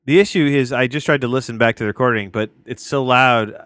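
A fast-talking man in his thirties with a medium-pitched, fairly bright voice is heard in a dry recording. A podcast host, he reviews films casually in a rambling, profane, self-interrupting way, recording at home with headphones on while a tree crew works outside.

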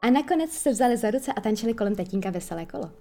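A woman reading a children's storybook aloud, lively storytelling with small slips. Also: a little high, faint music behind.

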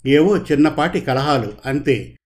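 A man's voice: a little high, expressive, measured pace, a little mellow. A man voicing a timid, affectionate middle-aged husband who speaks meekly. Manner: meek, pleading.

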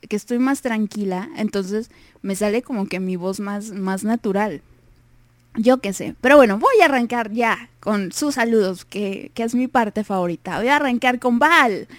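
A woman's voice: a little high, no room sound. A young woman with a Mexican Spanish accent hosting a casual radio show, chatty and self-deprecating, laughing often.

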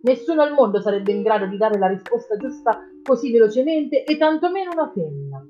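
A woman's voice: on the high side, sing-song, a little fast, muffled recording, faint music behind, pitched above the performer's own voice. A woman reading an audiobook, voicing a boastful, bullying father who deals in cars. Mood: angry. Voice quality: loud, bullying, self-satisfied. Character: blustering boastful father, a crooked car dealer.

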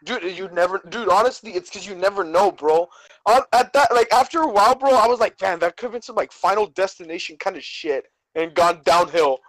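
High-pitched young bro guy, dry sound. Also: a little fast, a bit bright, no room sound, low-quality recording. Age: young adult. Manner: slangy frat-bro talk, peppered with bro and dude. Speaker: podcast co-host. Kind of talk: casual chat, telling a personal story.

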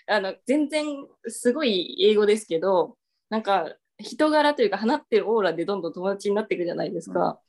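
Woman, podcast co-host, quick chatty delivery, lots of fillers. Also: medium pitch, lively intonation, darkish tone. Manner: chatty storyteller, many fillers and laughs. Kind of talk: casual chat.

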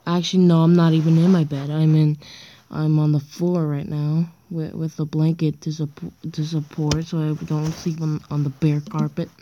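Late at night on her bedroom floor, an amateur podcaster around sixth grade talks into a handheld voice recorder, hesitant and self-deprecating, her nose stuffy from illness. The female voice is low-pitched and warm, with little pitch movement at a normal speed. The audio is dull, with a little hiss or hum.

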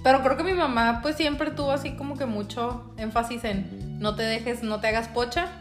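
A woman's voice: on the high side, steady tone, normal speed. Chatty Mexican woman, roomy echo. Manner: chatty, storytelling with filler words. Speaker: podcast co-host. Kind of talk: casual chat. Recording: roomy echo with music behind.

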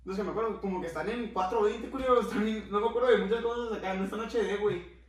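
A young man from Mexico co-hosting a podcast, joking and teasing loudly in casual chat. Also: sits high, fast talker. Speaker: podcast co-host. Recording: echoey room, mic at a distance.

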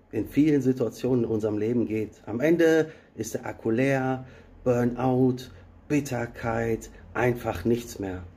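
A man preaching in a relaxed, conversational way, his voice mellow and dark at a middling pitch. He retells an old story plainly and turns to address the listener directly, now and then stopping to search for a word. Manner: self-correcting, searching for words. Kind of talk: sermon.

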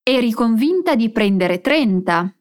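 A woman runs a language lesson. Her voice is high and swings widely in pitch. She slows down to model phrases clearly so learners can repeat after her. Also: lively intonation. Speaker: language teacher.

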